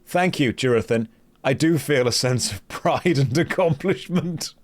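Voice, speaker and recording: With a medium pitch and expressive delivery, a man talks at a measured pace to his stream audience as he plays. He's self-mocking and jokey, reading chat messages and quest lines out loud.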